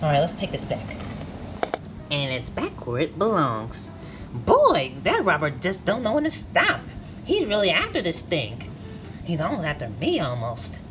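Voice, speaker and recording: Feisty young girl guard , a woman voicing her, bouncy, yelps when angry, very wide pitch swings. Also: huge pitch swings, unhurried, noisy background, heavily acted. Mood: playful. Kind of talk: amateur toy-movie voice acting.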